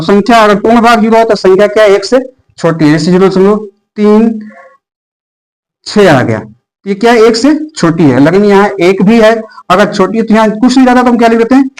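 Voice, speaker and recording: A man's voice: sits high, a little mellow, low-quality recording. A male math teacher gives a classroom lesson, asking the class questions and answering them himself, with English number words mixed in.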